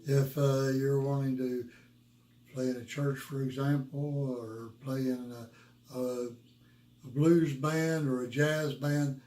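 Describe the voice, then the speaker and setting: A man with a worn rock-and-roll voice gives casual guitar instruction to viewers in a folksy, halting, repetitive way. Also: medium pitch, flat delivery, mellow. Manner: folksy, halting, repeats himself. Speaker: guitar teacher and video host. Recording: roomy, echoing room sound.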